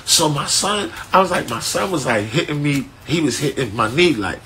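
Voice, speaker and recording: A man, telling a story in casual street slang on a live stream from his phone, animated and profane. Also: on the high side, normal speed, a little hiss or hum. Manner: animated, profane, laid-back street slang with frequent "right?". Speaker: artist hosting a live stream.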